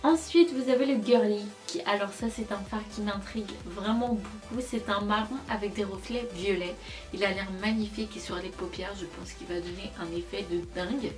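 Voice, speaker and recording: Young woman gushing over makeup, says things twice for emphasis, mid voice, soft music in the back. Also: mid-range voice, normal speed. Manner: enthusiastic, repeats words for emphasis. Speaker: beauty vlogger. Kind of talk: casual product review.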